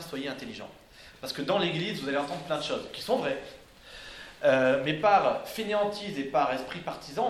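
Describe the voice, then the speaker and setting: Speaking to listeners indoors, this man gives an informal talk in a slightly high, somewhat bright voice. He hesitates often, filling gaps and restarting sentences, while the echoey room adds faint ambience and slight background noise.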